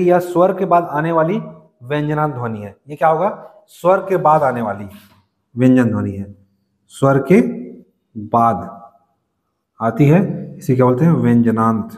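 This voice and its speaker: A man's voice: mid-range voice, moderate pace, long pauses. A male teacher giving a classroom lecture, explaining step by step, asking the class questions and answering them himself. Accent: Chhattisgarh Hindi. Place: coaching classroom. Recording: long reverb.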